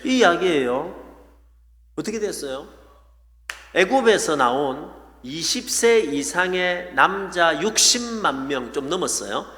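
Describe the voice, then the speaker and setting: Man, pastor, animated revival preacher, echoey sanctuary. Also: a little high, measured pace. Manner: animated storytelling with playful asides. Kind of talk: revival sermon. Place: church sanctuary. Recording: echoey church hall.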